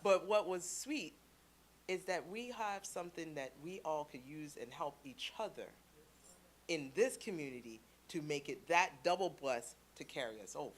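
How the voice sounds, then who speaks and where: A woman from Canada speaking to a church congregation, telling stories with playful asides in a lively sermon. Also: sits low, normal speed. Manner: chatty storytelling with playful asides.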